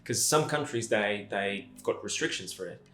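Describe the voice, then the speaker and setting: A man co-hosting a travel vlog in casual chat, relaxed and fond of teasing. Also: lowish voice, moderate pace. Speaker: travel vlogger co-host. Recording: echoey room with faint music.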